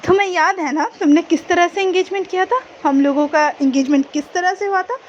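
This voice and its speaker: A woman's voice: sits high, lively intonation, moderate pace, highs cut off, a little hiss or hum. A woman voicing an angry, curt young man in a fan-fiction story retelling.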